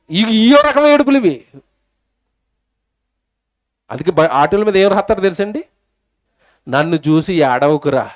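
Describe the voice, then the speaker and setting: A man preaches at a public meeting, his voice sitting high for a man. He swings between loud, rising questions and low, hushed passages. The sound is dry and close to the mic. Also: no echo.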